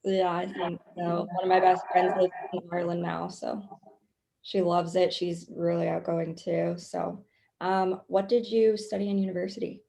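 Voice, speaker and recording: Young woman from Canada, student co-host, lower voice, casual and filler-heavy. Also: little pitch movement, creaky, mellow. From Calgary, Canada. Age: young adult. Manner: friendly, filler-heavy, quick asides. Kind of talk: casual interview hosting.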